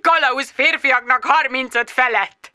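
A woman voicing a tearful young woman friend who talks in a sobbing, dramatic, drawn-out way, in a storybook reading. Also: sits high, bright, forceful tone, clear, resonant tone, voice pushed up. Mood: despairing.

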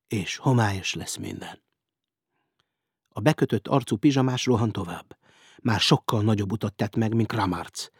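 A man's voice: fairly low pitch, breathy edge, dry recording, studio quality. A man reading a crime novel aloud as narrator, with dramatic, vivid delivery. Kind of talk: audiobook reading.

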